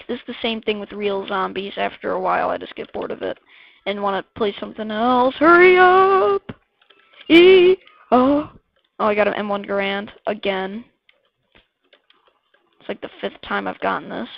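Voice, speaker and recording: A woman giving casual gameplay commentary, rambling and excitable, blurting out weapon names as she plays. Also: mid-range voice, creaky, dry recording. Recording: dull lo-fi dry mic.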